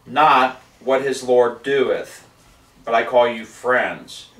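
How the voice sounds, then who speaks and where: A man in his forties with a medium-pitched, fairly bright voice preaches fervently from scripture. He's a street preacher, filmed in a wood-paneled living room by a camera across the room, so the sound is roomy.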